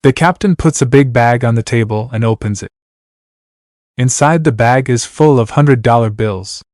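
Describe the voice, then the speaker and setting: A man's voice: mid-range voice, normal speed, darkish tone, no room sound, clean studio sound. A man from Iran narrating his novel aloud, voicing every character in the same plain reading voice and announcing each speaker's name. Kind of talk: flat audiobook narration.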